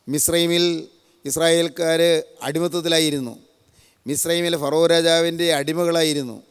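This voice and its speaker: A man's voice: a little high, clean tone. An older man from Kerala preaching a sermon, solemn and repetitive, stacking one parallel phrase after another. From Kerala, India. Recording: long hall reverb.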